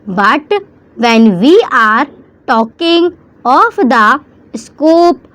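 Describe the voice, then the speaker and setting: Lady doing slow school dictation, really high voice, super slow n measured, pauses btwn phrases, dry sound. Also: animated, fairly bright tone, no echo. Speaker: dictation reader for stenography practice. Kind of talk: slow school dictation, reading a prepared speech.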